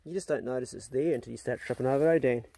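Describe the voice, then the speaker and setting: A middle-aged man with a broad New Zealand accent hosts a vlog outdoors on rural land, talking in a laid-back, slangy way and capping lines with "eh" and "bro." His medium-pitched voice is warm with vocal fry and comes out rapid-fire over noisy outdoor ambience.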